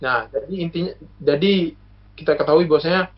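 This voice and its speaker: A man's voice: fairly high pitch, fast talker. A man from Lombok, Indonesia, a university alumnus and guest, explaining things in a casual chat, patient and lecturing, with many hesitations and examples. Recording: muffled lo-fi recording.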